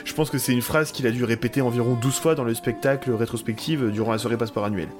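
A man's voice: mid-range voice, fairly even intonation, quick pace. A man rambles through long points on a casual podcast, often restarting mid-sentence. Faint music plays behind him. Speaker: podcast guest.

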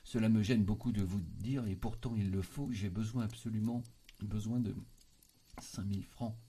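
A man's voice: on the low side, steady tone, normal speed, mellow, breathy edge. A man voicing an anxious young woman cousin in an audiobook, stammering and pleading on the edge of tears. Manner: stammering, pleading, breaking into sobs. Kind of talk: audiobook character voice.

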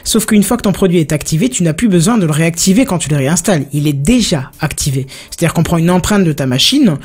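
A man's voice: quick pace, slightly rough. A man telling a long anecdote in casual chat, rambling, with plenty of fillers. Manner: rambling, animated storytelling with many fillers; puts on a high-pitched voice for a phone agent. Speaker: podcast co-host.

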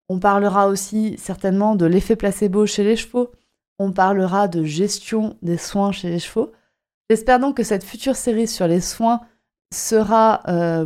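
A woman with a mid-range, slightly mellow voice hosts her own podcast as a horse shiatsu practitioner. She talks casually on her own, often repeating and rephrasing herself.

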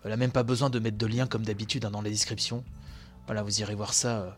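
Excited man commenting on a game showcase. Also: fairly low pitch, fast talker, soft background music. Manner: casual, excited, slangy, with many fillers. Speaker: host of a video game news podcast. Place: at home.

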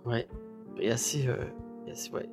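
A man hosting a casual chat close to the mic, hesitant and full of filler pauses. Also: medium pitch, darkish tone, soft background music. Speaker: podcast host.

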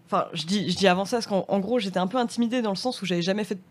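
A woman's voice: medium pitch, rapid-fire, slight background noise. Chatty French woman guest, laughing easily. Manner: chatty, laughs often, trails off with fillers. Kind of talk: casual chat.

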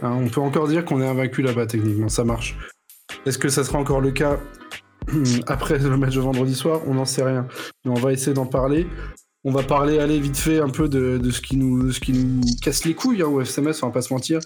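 A man's voice: mid-range voice, steady tone, brisk, darkish tone, faint music behind. A man hosting a casual football podcast in an informal, self-mocking, sweary way. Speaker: podcast host.

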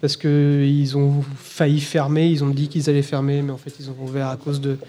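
A man's voice: a little high, monotone, moderate pace, dark tone. A man, co-hosting a live podcast and presenting whiskies in a hesitant, casual way, full of fillers and restarts. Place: live event recording.

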